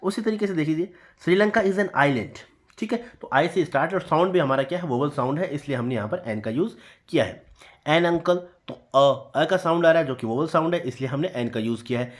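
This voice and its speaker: Man teaching grammar, slow and repetitive. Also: on the high side, lively intonation. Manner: slow deliberate reading of example sentences, repeating key points. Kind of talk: explanatory classroom lesson.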